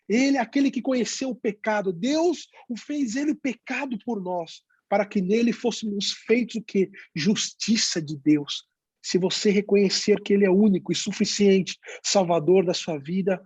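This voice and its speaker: Pastor, high husky voice, lively storyteller acting out dialogue, dry muffled recording. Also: male voice, no room sound. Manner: storytelling, acts out dialogue, pauses with "né?". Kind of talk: testimony in a youth talk.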